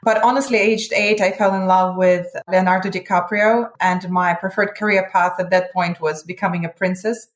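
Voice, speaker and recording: A woman's voice: on the low side, fairly even intonation, moderate pace, few pauses. A woman in her thirties, from Russia, giving articulate, upbeat interview answers about her career. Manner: articulate and upbeat, with occasional fillers. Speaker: guest, hedge fund head of research. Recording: roomy echo.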